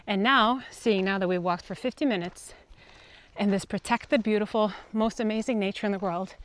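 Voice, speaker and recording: A woman co-founder chatting on an outdoor walking tour. She is out of breath, animated and laughs often. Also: medium pitch, moderate pace. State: out of breath from hiking. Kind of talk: casual chat on a walking tour. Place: outdoors on hilly open land.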